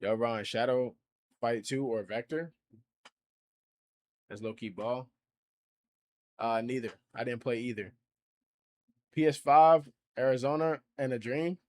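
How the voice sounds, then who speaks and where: A man's voice: medium pitch, steady tone, unhurried, pauses often, a little mellow. Slangy young man chatting on stream. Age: 20s. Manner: slangy, reacts to and reads out viewer chat. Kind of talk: casual livestream chat.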